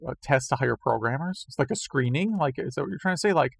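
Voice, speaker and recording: A man co-hosting a casual retro gaming podcast chat, rambling and self-deprecating, his voice going hoarse. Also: mid-range voice, expressive, fast talker, no room sound. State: losing his voice. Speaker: podcast co-host.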